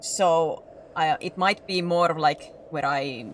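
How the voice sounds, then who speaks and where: A woman with a Finnish accent who rolls her R's, chatting in an animated, rambling, self-deprecating way while commentating her gameplay. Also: sits low, takes it slowly, slight background noise. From Finland. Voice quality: rolled R's. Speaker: video game streamer. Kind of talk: casual gameplay commentary to viewers.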